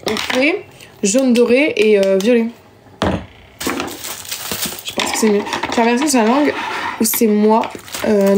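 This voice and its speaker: Young woman, casual livestream chat, talkative, self-mocking, slightly high voice, phone mic, faint hiss. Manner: chatty, self-mocking, talks to viewers. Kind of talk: casual live stream chat.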